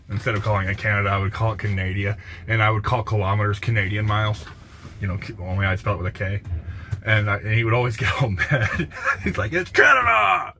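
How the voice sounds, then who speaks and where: A man's voice: on the low side, fairly bright tone, slight background noise. Blunt, cursing man in a truck cab. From United States. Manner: blunt, profane, rambling with restarts. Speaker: livestreamer, truck driver. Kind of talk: casual livestream chat. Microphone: phone.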